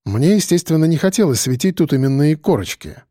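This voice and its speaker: A man reading a first-person story aloud in an expressive, wry way. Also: on the high side, fairly quick, dry recording, studio quality. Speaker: audiobook narrator. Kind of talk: first-person scripted narration.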